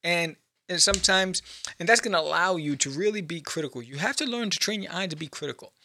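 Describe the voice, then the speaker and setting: A man hosting his own show, giving casual advice to viewers in a playful, animated way and often checking in with "right?". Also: high voice, quick pace, slight background noise. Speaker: podcast host and comic artist. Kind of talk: casual solo talk to viewers.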